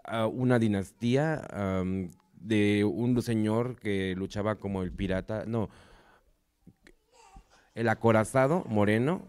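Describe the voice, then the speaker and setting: A man's voice: lowish voice, fairly even intonation, unhurried, a little mellow, smooth. A man from Mexico with a Mexican accent, speaking as a wrestler answering interview questions in short segments. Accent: Mexican Spanish.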